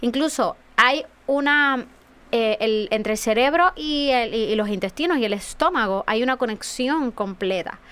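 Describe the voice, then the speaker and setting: A woman's voice: on the high side, normal speed, a bit bright, smooth. A woman, a guest telling an emotional personal testimony on a radio talk show, with many fillers. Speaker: guest author and speaker.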